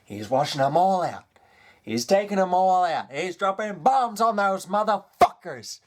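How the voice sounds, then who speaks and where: A man delivering a comedic character rant, lurching between low mutters and loud outbursts. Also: animated, measured pace.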